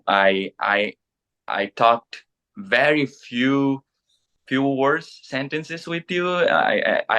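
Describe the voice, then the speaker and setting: Hesitant man from Bhutan, low voice. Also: a bit bright, clear, resonant tone. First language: Nepali. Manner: hesitant, many fillers and restarts, halting English. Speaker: pastor, interview guest. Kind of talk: casual interview.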